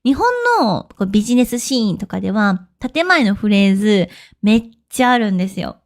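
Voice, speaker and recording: A woman's voice: medium pitch, lively intonation, a little fast. A woman from Japan teaching listeners in a casual, chatty podcast lesson, laughing often and asking them questions.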